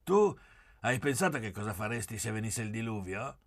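Male reader's teasing young debater, lively lilt over a husky voice. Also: on the low side, normal speed, voice pushed up. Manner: teasing, pressing questions. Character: cheerful, needling young man, quick debater.

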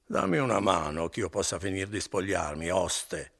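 A man voicing a boisterous, suspicious drunken young man in an audiobook, slurring with loud outbursts. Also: sits low, big pitch swings, normal speed, creaky, full character voice. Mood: sleepy drunk. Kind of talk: audiobook character voice.

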